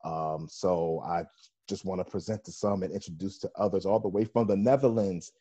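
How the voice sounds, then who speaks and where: With a husky, deep, warmly mellow voice, this male radio host chats through a casual interview at normal speed and with fairly even intonation. His questions arrive only after rambling detours full of fillers and false starts.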